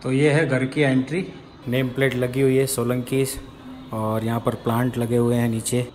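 Filmed indoors on a handheld phone, this casual house tour vlog features an Indian vlogger in his thirties, raised in Rajasthan, chattily leading viewers from room to room in his apartment. He speaks at a moderate pace in a medium-pitched, somewhat dark voice with a level tone, and faint music plays behind him.

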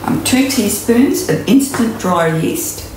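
A woman in her sixties with an Australian accent and a slightly high voice takes it slowly as she gives a chatty, rambling cooking tutorial in her home kitchen, with plenty of ums. A camera mic at mid distance captures the roomy kitchen and its steady noise.

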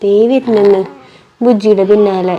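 A woman with a cold and a hoarse voice, chatting casually in a home vlog as a mother, cooing in sing-song baby talk to her little one. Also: mid-range voice, fairly even intonation, moderate pace, muffled recording, slight background noise. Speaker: family vlogger and mother. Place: at home, indoors.

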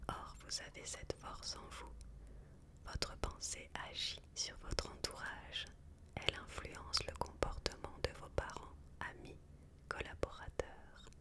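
Library whisper, fully unvoiced, slow pace, soft ASMR book reading, measured pauses.

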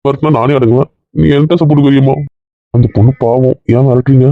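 Bossy, fast-talking teasing man. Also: mid-range voice, fairly even intonation, dry recording, narrow, tinny audio. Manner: bossy, teasing, mock-threatening. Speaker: comedy skit lead. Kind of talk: casual comedy skit.

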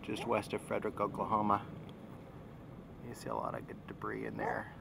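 A man speaks in a creaky, gravelly voice at an ordinary pitch, giving live storm-chasing commentary out in the open. His phrases are short and repeated, like field notes, with very loud wind and roar all around him. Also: little pitch movement, moderate pace. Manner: terse, repetitive observational phrases. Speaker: storm chaser narrating footage. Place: outdoors on open prairie. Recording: loud wind and roar over outdoor camcorder audio.

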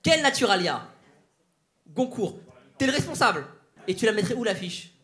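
A male stand-up comedian doing crowd work on stage, teasing audience members with quick banter. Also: high-pitched, very animated. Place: theater stage before a live audience. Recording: live show with loud audience laughter and noise.

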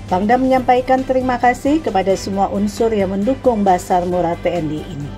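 A woman's voice: medium pitch, brisk, warm tone, faint music behind. Formal woman reading news voice-over. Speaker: news narrator.

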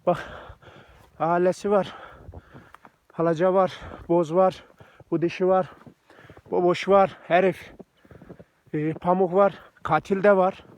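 A man's voice: high-pitched, little pitch movement, slow pace, long pauses. A Turkish village farmer vlogging casually outdoors in the snow while he walks, chatting to the camera and praising his dogs. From Turkey. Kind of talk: casual walking vlog. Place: outdoors in snowy countryside.

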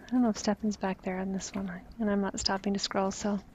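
A vlogger talks quickly over her own travel footage in a casual voice-over, chatty and self-mocking as she jokes about herself. Her pitch stays fairly flat and even, with a clear layer of background noise underneath.

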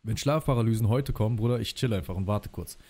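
A man's voice: on the low side, fast, warm tone. A man talking as a guest in a casual livestream chat, telling long personal stories in slangy, chatty speech and calling the host brother.

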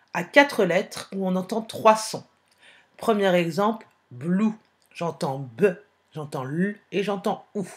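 A primary school teacher with a lowish, darkish voice gives young pupils a spelling dictation, repeating each word and spelling it out letter by letter.

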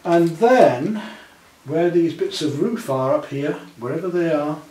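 With a dark tone and a voice on the higher side, a man in his sixties talks at a measured pace, patiently taking a student through painting step by step with reassuring words. They're in a living room at home, indoors. The audio, from a camera a few feet away, is roomy and distant with background noise.

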